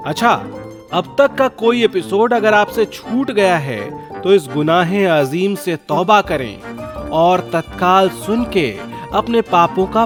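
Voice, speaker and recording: A man narrating a ghost story in a wry, jokey scripted style. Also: sits high. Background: music.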